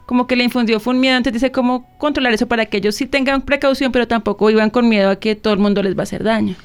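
Woman, co-host, fast pace, smooth clear voice, reading listener messages. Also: fairly high pitch, fairly even intonation. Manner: brisk, relaying listener questions. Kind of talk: casual radio chat.

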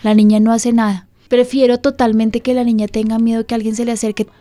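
Woman pastor-host, earnest and pleading, slightly high voice. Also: little pitch movement, fast, warm tone.

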